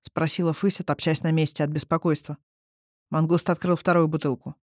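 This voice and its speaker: An audiobook narrator telling a story in a steady, even way. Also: medium pitch, fairly quick, dry recording, clean studio sound.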